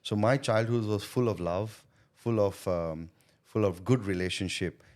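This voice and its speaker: A man's voice: fairly low pitch, unhurried, a little mellow. A man being interviewed about his business and childhood, talking earnestly and reflectively and often adding "right?" and "you know". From born in Thailand, schooled in India. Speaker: guest, sales coach and business owner. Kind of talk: interview conversation.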